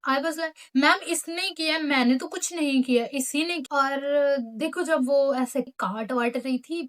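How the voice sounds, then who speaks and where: A teenage girl chats through a funny school storytime for her vlog, with a high, bright pitch. She tells it in an animated way, acting out what teachers and friends said and dropping English phrases into her talk. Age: late teens. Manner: animated, acts out teachers and friends in quoted lines. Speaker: vlogger telling a school story. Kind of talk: casual storytime chat.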